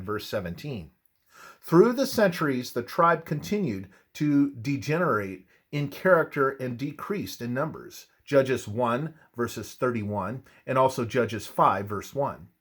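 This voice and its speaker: A man reads a religious text from a script, his voice husky and mid-pitched. He goes slowly and deliberately, with intonation that rises and falls widely, in a solemn, preacherly style.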